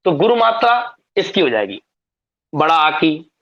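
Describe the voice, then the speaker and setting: Male classroom teacher, high and gravelly, patient step-by-step explainer who quizzes students. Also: very animated, a little slow, fairly bright tone, muffled recording. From India. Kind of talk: classroom grammar lesson.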